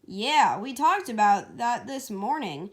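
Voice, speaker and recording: A woman reads as an easygoing young male hedgehog from a homemade storybook. The voice is fairly high, casual and a little puzzled, with a kindly, reassuring way of talking. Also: big pitch swings, takes it slowly, heavily acted. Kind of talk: amateur storybook read-aloud.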